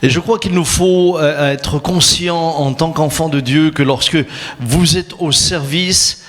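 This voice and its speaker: A man preaching as a pastor in short, deliberate phrases, pausing to be interpreted. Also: on the high side, fairly bright tone. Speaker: pastor preaching at a church conference. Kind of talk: sermon delivered in short phrases for consecutive interpreting. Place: large reverberant hall, through sound system. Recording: echoey hall with long reverb, PA sound.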